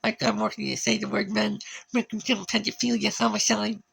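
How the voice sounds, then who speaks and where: A man's voice: high voice, flat delivery, fairly quick, vocal fry, fairly bright tone, breathy edge, poor audio. A man talking alone in a disjointed monologue, jumping between words and lists. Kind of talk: solo rambling monologue.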